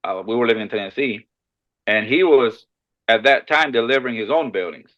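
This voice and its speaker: A man from Costa Rica, a guest on a podcast, telling his story in a relaxed, friendly way with short answers and small restarts. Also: medium pitch, fairly quick, muffled recording. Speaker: shed hauling business owner, podcast guest. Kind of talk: casual interview chat.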